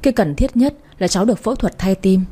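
A woman voicing a calm hospital doctor in a storybook reading, speaking in a measured, calm way. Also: medium pitch, lightly acted.

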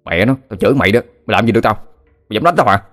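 A man voicing a hot-tempered young village man who swears and shouts angrily in a told story. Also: lowish voice, animated, rapid-fire, soft background music. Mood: furious.

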